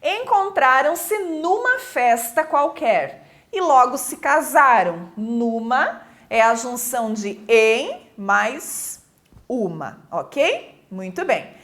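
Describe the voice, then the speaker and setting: Woman teacher, high and animated, unhurried, checks in with students a lot. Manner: explanatory, often checks in with "né?"; acts out interjections with varied intonation. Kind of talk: recorded grammar lesson.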